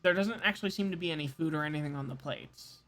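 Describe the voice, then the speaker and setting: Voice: medium pitch, fast, a bit bright. A game master describing scenes for a tabletop roleplaying game in an informal, conversational way.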